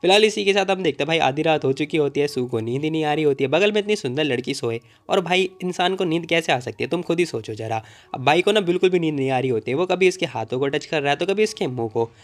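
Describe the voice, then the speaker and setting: A man's voice: a little high, expressive, fast, few pauses. A man narrating a comic story recap in a casual, chatty way, with jokey asides to the audience.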